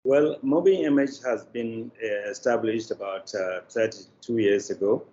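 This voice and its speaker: An older man with a Nigerian accent and a lowish, dark voice speaks unhurriedly, answering interview questions formally and hesitantly as a managing director. He is indoors in an office room on a video call, and the audio is dull and faintly noisy.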